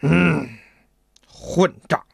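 A man's voice: on the high side, fairly even intonation, drawn-out words, vocal fry, husky, dry recording, studio quality, full character voice. A man voicing a pompous, illiterate county magistrate who blusters and stammers. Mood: scolding.

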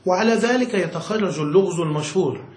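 A man's voice: high-pitched, fairly quick. Male grammar teacher in an echoey room. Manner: checks understanding with frequent questions; reads passages aloud then explains them. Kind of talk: explaining a grammar text to a student. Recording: echoey room with faint noise.

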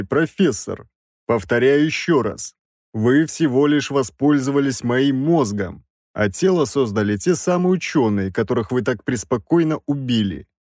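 A man voicing a cold, stern six-armed male creature who speaks in a measured, ironic way in an audiobook. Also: mid-range voice, darkish tone, dry recording, studio quality, pitched above the performer's own voice, lightly acted. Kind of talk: audiobook character voice.

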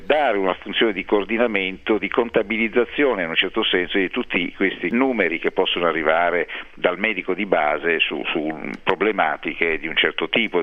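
A deep-voiced man comes through a tinny speakerphone line, sounding thin and phone-like. He is a psychiatry professor on a radio interview, talking in a measured way and pausing to think with frequent hesitations. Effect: on speakerphone over a phone line.

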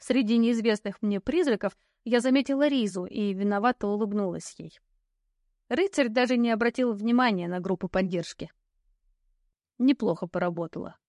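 A woman with a fairly high voice reads a first-person fantasy audiobook. Her telling is lively and wry. The sound is dry and close, with no room around it. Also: moderate pace, no echo. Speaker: audiobook narrator.

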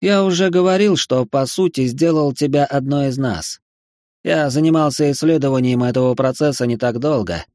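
A man voicing a scholarly male angel in an audiobook, measured, analytical and wry. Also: mid-range voice, darkish tone, no echo, clean studio sound, close to an everyday voice. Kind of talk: audiobook character reading.

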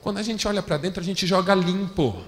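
Bright-voiced pastor preaching in a hall. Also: male voice, sits high, fairly quick. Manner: storytelling preacher, acting out quarrels with rising voice. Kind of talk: sermon. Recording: long hall reverb, faint ambience.

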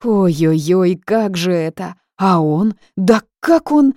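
A woman's voice: fairly low pitch, animated, normal speed, dark tone, no room sound, clean studio sound. A woman voicing a hot-tempered young witch who snaps in exasperated, fiery outbursts.

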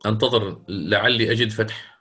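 A man's voice: on the low side, fairly quick, bright, forceful tone, breathy edge. Male Quran teacher questioning his class. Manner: explains step by step, questions the class, chants quoted verses. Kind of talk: online lecture to students.

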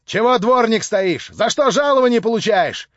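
A cruel drunken landlady screeches and scolds in a shrill, high, hysterical voice, as a man reading the book puts her on. The recording is dry and slightly dull. She sounds like a storybook villain. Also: expressive, normal speed, a bit bright, dry recording. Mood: screaming. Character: drunken shrieking landlady, middle-aged, cruel. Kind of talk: audiobook character voice.

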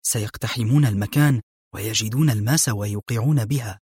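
A shy young female agent asks earnest questions, as a man reads her lines. The voice is husky with a close, dry sound. It comes from an audiobook thriller. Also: lowish voice, brisk, darkish tone, no echo. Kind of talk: audiobook narration.

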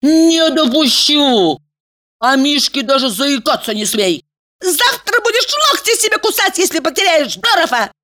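Speaking at normal speed in a sing-song, slightly bright voice, a woman plays a bossy, scheming young woman. The character shrieks at her friend and scolds her in a shrill, sarcastic way.

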